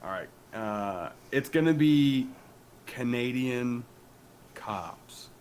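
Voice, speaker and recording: A man's voice: mid-range voice, animated, drawn-out words, a little mellow, slight background noise. A young man with an Appalachian accent, co-hosting a podcast in casual chat, joking and rambling and swearing freely. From rural Appalachia. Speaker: podcast co-host.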